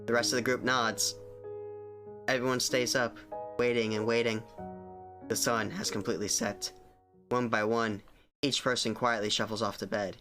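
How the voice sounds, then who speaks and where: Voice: medium pitch, little pitch movement, normal speed, pauses often, over music, voice pushed down, lightly acted. A streamer voicing the somber narrator of a horror game, reading scripted text aloud. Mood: somber, steady.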